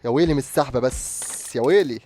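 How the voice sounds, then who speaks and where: A young man with an Egyptian accent giving excitable, exclaiming commentary on his own game, laughing often. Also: mid-range voice, fast, a little hiss or hum. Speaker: gaming streamer. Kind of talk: live gameplay commentary.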